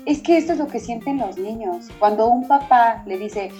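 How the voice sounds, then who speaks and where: A woman's voice: a little high, normal speed. A Mexican woman in her thirties, a mother talking casually about parenting and acting out quoted dialogue as she tells stories. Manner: animated storyteller, acts out quoted dialogue. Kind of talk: casual conversational talk. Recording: dull lo-fi audio, faint music.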